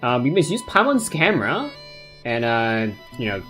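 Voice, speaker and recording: A man streams a video game with casual live commentary. He talks in an offhand, hesitant way and rambles from thought to thought. Soft plucked guitar music plays faintly behind his mid-pitched voice. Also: sing-song, moderate pace.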